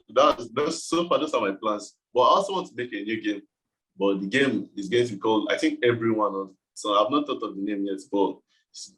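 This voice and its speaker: A man's voice: on the low side, fairly bright tone, poor audio. A man with a West African accent talking casually as an interview guest, explaining things in a loose, informal way. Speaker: game developer being interviewed.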